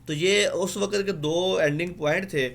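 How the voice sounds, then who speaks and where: A man with a high-pitched, fairly bright voice and vocal fry teaches exam prep online. His explanations are slow and full of fillers, and he spells words out letter by letter.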